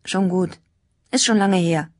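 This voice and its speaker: A woman doing a quiet, murmuring bookish boy, Jack. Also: lowish voice, measured pace, no room sound, studio quality, lightly acted. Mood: subdued. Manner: reserved and murmuring.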